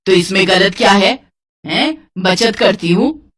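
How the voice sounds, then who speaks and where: A woman's voice: mid-range voice, expressive, slow pace, fairly bright tone, far from the mic. A woman voicing a stingy, bossy older mother-in-law in a cartoon story. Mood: scolding. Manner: bossy, nagging.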